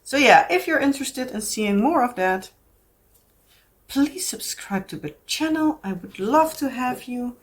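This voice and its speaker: Speaking unhurriedly with lively intonation and a pitch on the high side, a Dutch woman vlogger from the Netherlands chats casually to camera about crafts. Her talk wanders, peppered with fillers and false starts.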